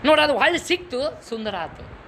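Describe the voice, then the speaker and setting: Delivering a moral lecture to the public, this middle-aged man mixes storytelling from home with rapid rhetorical questions in a lively, folksy style. His high-pitched voice carries a North Karnataka Kannada accent, he talks fairly quickly, and light background hiss is audible.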